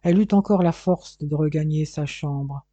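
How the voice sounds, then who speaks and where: A man reading a novel aloud in a steady, measured narration, on a dull, dry recording. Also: on the high side, no room sound. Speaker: audiobook narrator.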